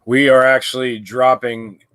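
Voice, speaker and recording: A man's voice: mid-range voice, level tone, unhurried, fairly bright tone, no echo. Rambling man hosting a casual livestream. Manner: rambling, many fillers and restarts. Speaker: livestream host. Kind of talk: casual live chat. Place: inside an RV.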